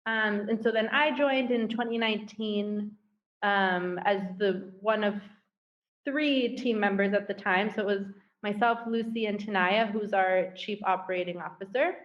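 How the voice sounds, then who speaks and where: A woman's voice: medium pitch, a little slow, highs cut off. A woman from the United States, chatty and upbeat, laughing easily as a guest in a casual video-call interview.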